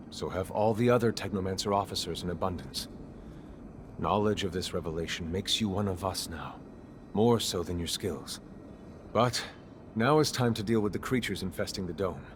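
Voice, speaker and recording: In a lightly acted video game performance, a male actor with a low-pitched voice plays a grave, world-weary, middle-aged master of a secret order. He speaks in a measured, instructive way, with background noise in the recording.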